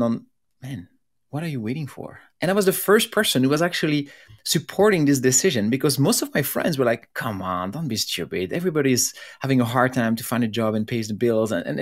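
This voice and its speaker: A man in his thirties from Belgium, a podcast guest telling his life story with lively laughs, on a video call with a desk mic. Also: medium pitch. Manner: animated, laughs often, gestures while talking. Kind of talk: conversational storytelling. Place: home room with plain blue wall.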